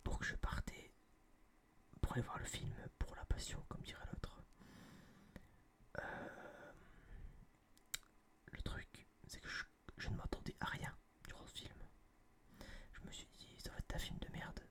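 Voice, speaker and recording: Speaking a little slowly with long pauses, this ASMR creator whispers right into a binaural microphone. The film review wanders casually, with slangy, halting phrasing and frequent word repetition.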